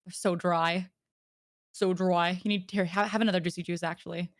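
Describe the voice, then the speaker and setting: A woman's voice: fairly low pitch, fairly even intonation, normal speed, no echo. Giggly young woman, dry close sound. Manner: giggly, playful mock-villain teasing. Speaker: guest streamer. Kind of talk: casual chat.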